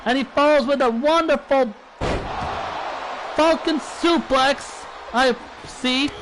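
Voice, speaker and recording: Male wrestling commentator, very high-pitched, dramatic and shouting, on a noisy recording with a loud crowd. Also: slow pace. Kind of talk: excited wrestling play-by-play commentary.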